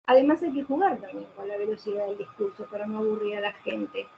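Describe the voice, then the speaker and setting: A woman's voice: medium pitch, quick pace, vocal fry. A woman giving a didactic online lecture on voice care, posing rhetorical questions and answering them herself. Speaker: voice specialist lecturing. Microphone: computer mic on a video call. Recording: muffled video-call audio with faint hiss.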